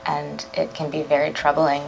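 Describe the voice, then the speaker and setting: A woman's voice: low-pitched, completely flat delivery, normal speed, vocal fry, music in the background. A woman interviewing a guest and asking supportive questions with some hesitation. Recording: dull lo-fi, noisy with clicks.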